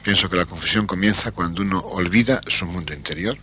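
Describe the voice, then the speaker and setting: Low husky man, thoughtful interview guest, hesitant and searching, bright edge. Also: dull audio, a little hiss or hum. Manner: slow, thoughtful, with frequent hesitations. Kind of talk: reflective interview answers.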